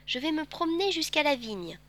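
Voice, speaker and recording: A woman voicing a gentle, wistful male fox who speaks patiently and tenderly in a storybook reading. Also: high voice, big pitch swings, fairly quick, voice pushed up.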